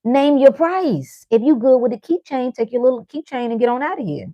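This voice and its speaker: A woman giving a casual motivational talk as a life coach, animated and playful, often laughing and acting out the voices of the people she quotes. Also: a little high, fast, dry recording, dull audio.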